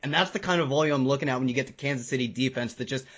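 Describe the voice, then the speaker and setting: Male guest analyst, very quick delivery, stat-heavy, casual. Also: mid-range voice, fairly bright tone. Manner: rattles off numbers like an auctioneer. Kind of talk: casual podcast chat.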